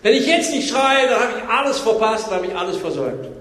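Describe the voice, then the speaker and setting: A man voicing a desperate blind beggar crying out for mercy, in slow drawn-out pleas, in an echoing hall. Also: very high-pitched, animated, fairly bright tone. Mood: pleading. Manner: pleading, drawn-out cries. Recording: echoey hall reverb.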